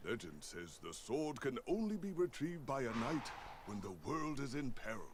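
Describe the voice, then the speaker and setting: An actor playing a grave knight mentor in a video game, speaking formally and earnestly like a generic action hero. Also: male voice, mid-range voice, big pitch swings, moderate pace, background noise, lightly acted. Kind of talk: scripted video game dialogue. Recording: game audio under clear music.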